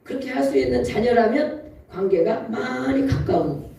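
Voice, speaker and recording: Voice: medium pitch, expressive, normal speed, vocal fry, dark tone. A pastor giving a sermon who acts out pleading prayers in a raised voice and often laughs while preaching. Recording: very echoey room, voice far from the mic.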